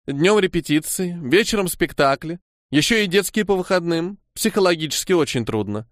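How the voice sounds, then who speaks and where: A male narrator playing an anxious, pleading wife, animated. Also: fairly high pitch, normal speed, no room sound, clean studio sound, voice pushed up, lightly acted. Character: anxious woman defending her husband.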